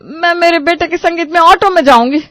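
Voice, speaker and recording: A woman's voice: very high-pitched, fairly quick, fairly bright tone, dry recording. A woman voicing a fussy, dramatic middle-aged mother of the groom in a cartoon story. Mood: fretful. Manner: dramatic, complaining.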